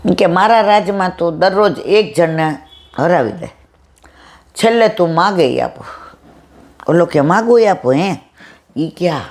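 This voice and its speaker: Animated storyteller at a satsang. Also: mid-range voice, measured pace, long pauses. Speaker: devotional satsang speaker. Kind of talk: devotional storytelling talk.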